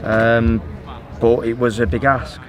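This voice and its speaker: Post-match, a middle-aged football manager gives steady, level answers on the pitch, leaning heavily on fillers as he talks. It's recorded outdoors on a phone held by the interviewer, with crowd noise behind.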